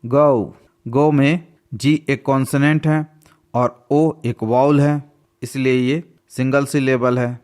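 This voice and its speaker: A man teaching a slow English lesson, patiently spelling words out letter by letter. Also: medium pitch, steady tone, a little mellow.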